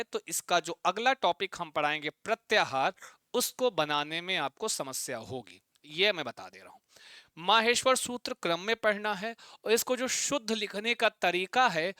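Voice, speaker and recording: A man teaching a Sanskrit exam-prep lesson. He chants the sutras slowly in a sing-song and teases his students into reciting along. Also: high-pitched, pushed and bright, smooth, no room sound, studio quality.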